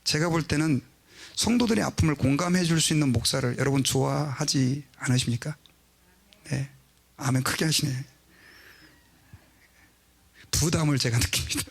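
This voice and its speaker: Gravelly male pastor preaching conversationally. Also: on the high side, normal speed, long pauses. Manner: conversational preaching, addressing the congregation often. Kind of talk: sermon.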